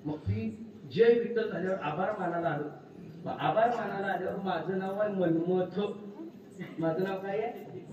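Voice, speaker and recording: A man with a rural Marathi accent preaching a kirtan sermon, telling humorous stories and breaking into sudden loud exclamations. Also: high voice, normal speed, long pauses. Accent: Marathi rural Maharashtra. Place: large pavilion at a kirtan gathering. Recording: far-off echoey hall mic, slightly dull, noisy.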